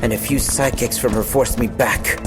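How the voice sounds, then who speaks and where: A Filipino voice actor performs in an audio drama as a young, casual, cocky fighter who wryly narrates his own story, mixing dialogue with first-person narration. His mid-range voice is natural and steady, at a normal speed, with a focused mood. Background music plays.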